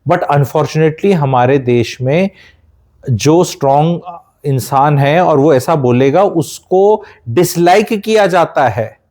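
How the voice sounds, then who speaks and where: A man's voice: on the high side, slow pace, darkish tone. A man from India giving life advice in an emphatic, lecturing way, dropping English phrases into his talk.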